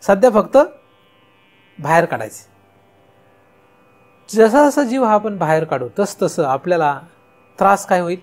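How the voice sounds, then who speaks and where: A man's voice: sits high, lively intonation, unhurried, long pauses, darkish tone. A man with a Marathi accent giving a spiritual discourse, asking rhetorical questions and answering them himself. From India. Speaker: spiritual teacher. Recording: faint music in background.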